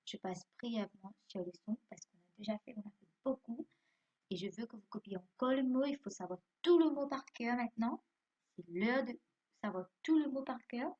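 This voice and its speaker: A woman's voice: fairly high pitch, expressive, moderate pace, a little mellow, husky, muffled recording. A woman teaching young pupils from home, spelling out words letter by letter and quizzing them, then answering her own questions. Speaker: primary school teacher.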